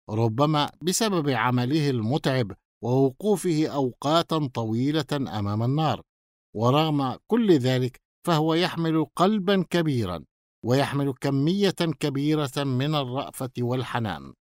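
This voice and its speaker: A man reads a novel aloud in a measured, steady storytelling manner. His voice sits in an ordinary middle register. The recording is dry and close, with no room sound. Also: medium pitch, no echo. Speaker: audiobook narrator. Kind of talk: scripted novel narration.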